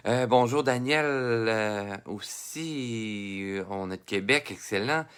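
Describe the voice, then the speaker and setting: A man's voice: fairly low pitch, slow, a bit bright, clean tone. A man with a Québécois French accent giving a live-streamed drawing lesson, chatting with viewers, greeting them by name and laughing often. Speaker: drawing teacher.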